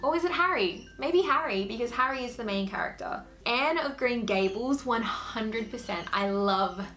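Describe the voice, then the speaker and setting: A woman's voice: on the high side, animated, normal speed, a bit bright, a little hiss or hum. A woman in her twenties with an Australian accent, chatting casually to camera in a Q&A and filling her talk with "like". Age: 20s. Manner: chatty, filler-heavy with frequent "like". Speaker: YouTuber.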